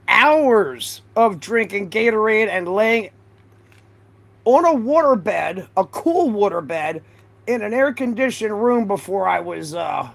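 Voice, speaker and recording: A man's voice: sits high, vocal fry, fairly bright tone. A man commenting casually on a livestream, rambling with fillers and restarts. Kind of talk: casual chat over videos.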